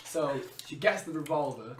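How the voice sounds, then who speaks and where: A man's voice: on the high side, animated, moderate pace, slight background noise. A man narrating a comedy tabletop game as game master, loose and playful. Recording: echoey room, far off the mic.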